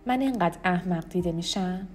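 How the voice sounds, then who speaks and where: Brief: a quietly controlling man, voiced by a woman narrator, soft delivery, faint music behind. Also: lightly acted. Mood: menacing. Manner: soft, quiet, low-key. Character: controlling man, calm and menacing.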